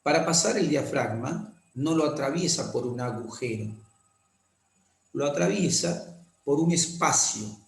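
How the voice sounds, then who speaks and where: A man lecturing on anatomy, explaining slowly, repeating key terms and often checking that students follow. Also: mid-range voice, animated, creaky. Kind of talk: classroom lecture with drawing demonstrations. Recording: echoey room.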